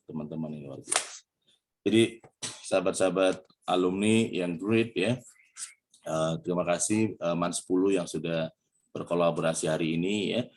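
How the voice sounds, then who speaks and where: Low-voiced indonesian guy doing a motivational islamic talk, chatty, keeps asking the crowd stuff. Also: a little mellow. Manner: chatty, peppers lines with "ya", asks the audience questions; acts out tones of voice to demonstrate intonation. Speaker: motivational coach giving a religious talk.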